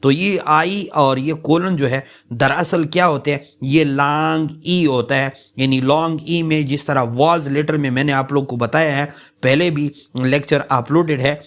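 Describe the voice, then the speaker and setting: A man teaching a lecture on English pronunciation, explaining patiently with many fillers, repeating points and stretching out example words. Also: on the high side.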